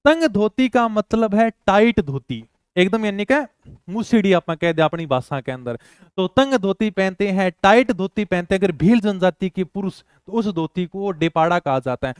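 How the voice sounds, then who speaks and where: A man's voice: sits high, animated, moderate pace, clean tone, no echo, studio quality. A male teacher giving an exam-prep lecture. He repeats each term several times and asks and answers his own questions.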